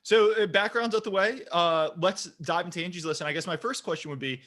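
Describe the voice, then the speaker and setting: Bright-voiced upbeat podcast host man. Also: sits high, a little fast. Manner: upbeat, chatty, repeats words. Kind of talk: casual interview talk.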